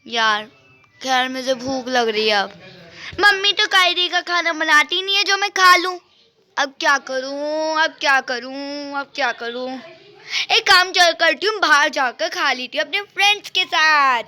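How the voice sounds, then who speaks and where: Woman voicing a spoiled rich girl, high, snobbish drawl, game role-play. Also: lively intonation, a little slow, bright, forceful tone, exaggerated voice. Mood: snooty.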